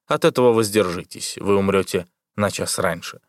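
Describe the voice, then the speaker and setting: A man's voice: sits low, normal speed, no room sound, clean studio sound, lightly acted. A man reading the part of an army surgeon who speaks coldly and without feeling. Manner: cold, detached. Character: cold, matter-of-fact male army surgeon.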